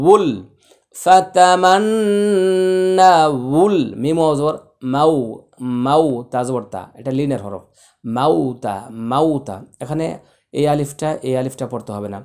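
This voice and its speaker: A man teaching Quran recitation, spelling out letters slowly and chanting verses with long drawn-out vowels. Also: a little high, a little mellow. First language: Bengali.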